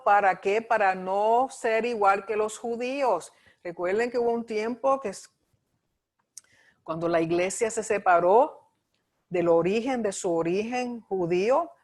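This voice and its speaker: Woman pastor at mid pitch, lecturing a class, poses questions and answers them herself. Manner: explanatory, asks and answers her own questions. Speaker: pastor teaching a discipleship class. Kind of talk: teaching class.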